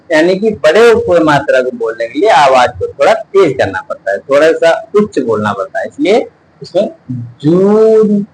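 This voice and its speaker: A man teaching pronunciation, repeating words slowly syllable by syllable. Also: fairly high pitch, slight background noise, rough recording. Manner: drawn-out repetition of words, syllable by syllable. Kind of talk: slow Hindi phonics lesson.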